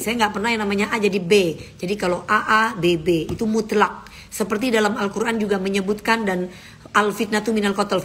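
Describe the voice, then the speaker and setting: Speaking directly to her commenters, a woman chats casually on an Instagram live with a firm, emphatic manner. Her voice is medium-pitched and a little bright, with some slight background noise.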